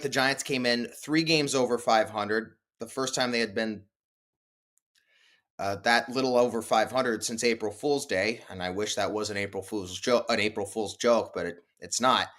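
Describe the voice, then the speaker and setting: A man hosting a solo postgame baseball show, talking animatedly with big swings in pitch and loudness and small self-deprecating laughs. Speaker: sports podcast host.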